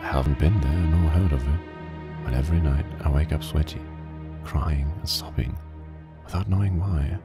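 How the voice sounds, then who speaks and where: In scripted noir narration for a horror game, a man plays a weary, grim private detective, speaking slowly and flatly in a very deep, gravelly voice. The mood is brooding, and the game audio sits under loud game music.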